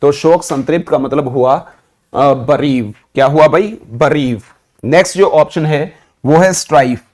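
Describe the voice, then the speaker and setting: Man, Indian accent, language teacher, slightly high pitch, questions and answers his own prompts. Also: moderate pace, darkish tone. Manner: mixes Hindi and English, asks and answers own questions. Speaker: English vocabulary trainer. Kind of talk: online vocabulary lesson.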